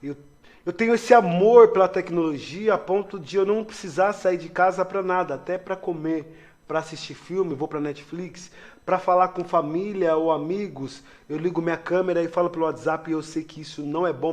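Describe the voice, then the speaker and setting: A man's voice: on the high side, a little mellow. A man co-hosting a radio show, reading out listener messages and chatting in a friendly way. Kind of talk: casual radio chat.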